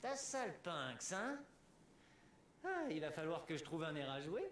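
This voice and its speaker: A woman's voice: sits low, very animated, measured pace, roomy sound, slight background noise. An actress voicing a practical young female hero in a video game, speaking in dry, matter-of-fact tones. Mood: wry.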